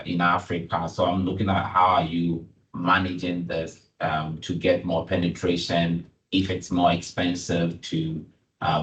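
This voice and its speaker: A man in the audience asking a question in a measured, emphatic way. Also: low voice. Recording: echoey, dull room mic.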